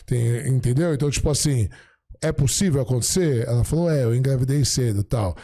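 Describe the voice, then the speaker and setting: A middle-aged man, a podcast guest, chatting casually and telling stories, acting out the dialogue he quotes in an animated way. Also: medium pitch, fairly quick. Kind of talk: casual storytelling chat.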